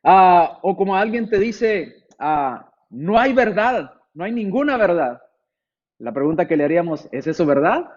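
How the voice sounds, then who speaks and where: High-voiced guy preaching, chatty, lots of rhetorical questions, muffled lo-fi recording. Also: sing-song, a little slow, a little mellow. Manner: conversational, rhetorical questions, acts out imagined replies. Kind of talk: sermon.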